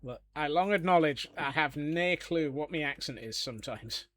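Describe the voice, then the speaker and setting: A man's voice: fairly high pitch, moderate pace, fairly bright tone, slight background noise. Chatty, jokey Scottish-born male streamer. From Scotland. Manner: chatty and jokey, answering chat. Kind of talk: casual live-stream chat while gaming.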